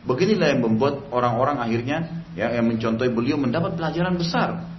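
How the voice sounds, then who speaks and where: Male preacher, quick conversational delivery; dull, roomy lecture recording. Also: mid-range voice, lively intonation, a little hiss or hum. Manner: conversational storytelling, frequent "gitu kan?" asides. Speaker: Islamic preacher. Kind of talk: religious lecture.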